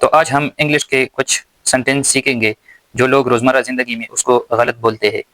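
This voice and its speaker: A man with a Pakistani accent teaching English slowly and deliberately, pausing word by word and repeating his questions. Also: medium pitch, flat delivery, pushed and bright, no room sound, rough recording. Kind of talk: slow spoken English lesson.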